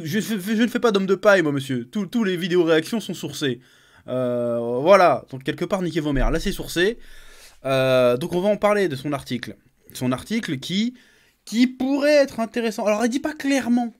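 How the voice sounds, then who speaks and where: Animated French man with a slightly high voice. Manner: animated, jokey and crude, many fillers and restarts. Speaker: YouTube manga commentator. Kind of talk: casual reaction video monologue. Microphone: webcam with a desk microphone.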